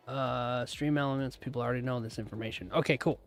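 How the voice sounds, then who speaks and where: A man with a medium-pitched, gravelly voice hosts a live trading stream, chatting casually with viewers. He laughs often and rambles through asides.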